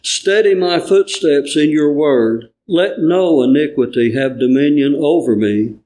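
Soft-toned man reading scripture. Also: on the high side, a little slow, low-quality recording. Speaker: scripture reader in church.

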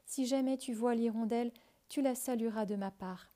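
Woman doing a tiny, sorrowful storybook girl, fairly high and mellow. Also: moderate pace, lightly acted. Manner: plaintive, sorrowful. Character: tiny sad girl no taller than a thumb.

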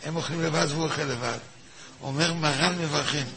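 Animated man with a bright, gravelly voice. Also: on the high side, slight background noise. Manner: animated, acts out both sides of a halachic dispute; repeats words, asks the audience questions. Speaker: rabbi teaching a weekly class. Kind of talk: lively Torah lesson with a class.

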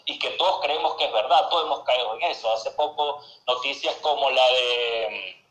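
A man's voice: medium pitch, normal speed, a bit bright, roomy sound, poor audio. A Venezuelan man with a Venezuelan Spanish accent, a social media expert giving a fluent, explanatory interview over a video call, with frequent "eh" fillers. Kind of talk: remote interview, explanatory talk. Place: home in Argentina, video call.

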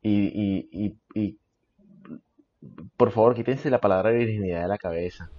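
A man's voice: on the low side, normal speed. A man talks casually as a podcast co-host, earnest and opinionated. He repeats phrases to press his point. The recording is a little dull and lo-fi. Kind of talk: casual chat. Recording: slightly dull, lo-fi sound.

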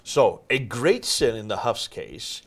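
A man's voice: mid-range voice, very animated, takes it slowly, creaky. A man hosting a discussion, explaining texts in an emphatic, teacher-like way. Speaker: host.

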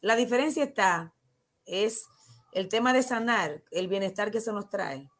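On a talk show, a female guest counselor with a Dominican accent speaks a bit slowly at a medium pitch. Calm and teacher-like, she walks through ideas and answers her own questions as she goes.

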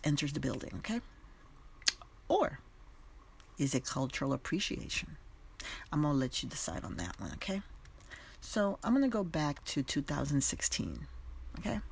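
This is an opinionated podcast host. The voice is mid-pitched, husky and full of creak. The delivery is conversational yet emphatic, addressed straight to the listeners. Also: a little mellow.

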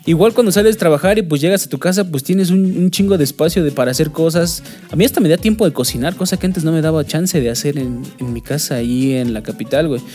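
A man's voice: on the high side, fast, few pauses, mellow, faint music behind. A man from Mexico City with a chilango accent, chatting casually on a podcast, swearing and using lots of fillers. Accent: Mexico City Spanish. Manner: slangy, swears often, many fillers. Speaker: podcast host. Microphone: studio microphone.

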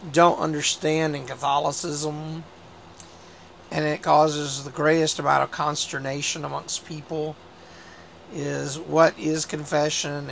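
A man who is a bishop hosting a faith talk show in a relaxed, conversational way, his voice hoarse from a cold. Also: on the high side, a little hiss or hum. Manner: relaxed, conversational, with frequent fillers. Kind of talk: casual religious talk show.

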